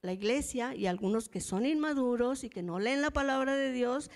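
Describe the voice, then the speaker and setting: In a church hall, a middle-aged woman with a Mexican Spanish accent teaches and shares personal stories in a conversational style. Her voice is high and animated at a moderate pace, and she often asks the audience to agree with her.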